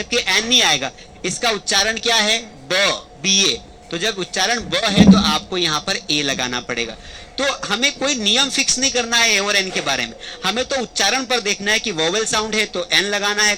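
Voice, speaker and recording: Man, grammar teacher, high voice, asks and answers his own questions, faint ambience. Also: sharp tone, slight background noise, poor audio. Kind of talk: classroom-style video lesson. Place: warm teaching room in front of a camera.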